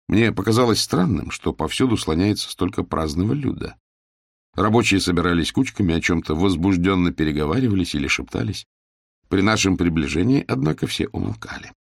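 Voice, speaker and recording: Male audiobook narrator, very low voice, gravelly, lively intonation, dry close sound. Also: dry recording. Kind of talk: scripted narration of a novel.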